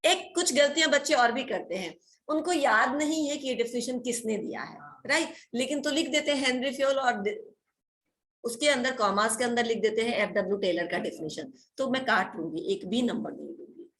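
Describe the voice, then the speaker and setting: Teacher lady lecturing online class, kinda high voice, keeps asking if u got it. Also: expressive, fairly quick, a bit bright. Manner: explains firmly, keeps checking in with the class. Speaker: college teacher.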